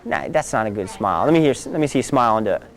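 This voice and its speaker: A man's voice: mid-range voice, lively intonation, very fast, a little hiss or hum. A man teaching a self-defense class, giving direct instructions and often checking in with "okay?".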